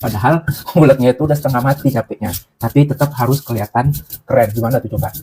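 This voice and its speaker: A man's voice: mid-range voice, fast, dark tone, slight background noise. A man hosting a casual cooking live stream from a boarding-house room, chatty and joking as he answers viewers' comments, a little out of breath from grinding spices. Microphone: clip-on mic.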